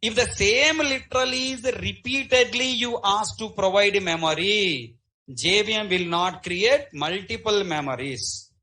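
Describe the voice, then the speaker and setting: A man's voice: sits high, a little slow, poor audio. A middle-aged man teaching a live programming class, constantly quizzing his students. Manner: animated, questioning students constantly.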